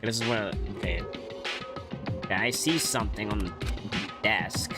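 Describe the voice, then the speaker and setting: A man's voice: lowish voice, moderate pace. A man hosting a livestream, joking and reacting as he plays a game and reads its text aloud. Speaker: livestream host. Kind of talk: casual gaming commentary. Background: game music.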